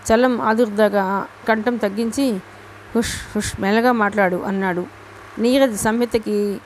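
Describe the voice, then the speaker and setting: A woman's voice: medium pitch, slight background noise. A woman narrating a romance novel as an audiobook, telling the story steadily and sometimes restarting a word. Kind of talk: reading a Telugu novel aloud.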